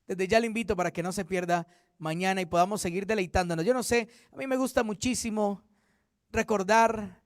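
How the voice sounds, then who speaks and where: A pastor with a very high, smooth, clear voice teaches a Bible study. He speaks earnestly, repeats key points and often corrects himself mid-sentence. The recording is dry and close. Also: fairly quick, dry recording.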